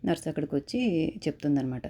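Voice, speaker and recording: A woman's voice: low-pitched, mellow. A woman hurriedly recapping a TV serial episode, often stopping to correct herself and restart. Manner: hurried retelling with frequent self-corrections and restarts. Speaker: serial reviewer. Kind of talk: fast episode recap narration.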